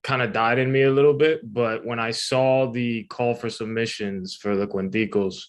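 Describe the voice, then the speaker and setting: A man's voice: mid-range voice, fairly even intonation, moderate pace. A man reading his own personal essay aloud in a conversational, informal way. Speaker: writer reading own submission.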